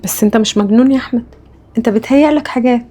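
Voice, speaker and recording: Calm Egyptian psychiatrist, played by a woman, rapid but steady and soothing. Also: a little high, slight background noise, close to an everyday voice. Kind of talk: web drama acting.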